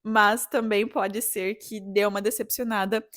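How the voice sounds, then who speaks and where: A young woman vlogging in a casual, animated storytelling way, sometimes breaking into excited outbursts. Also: mid-range voice, measured pace, no room sound, clean studio sound. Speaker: travel vlogger.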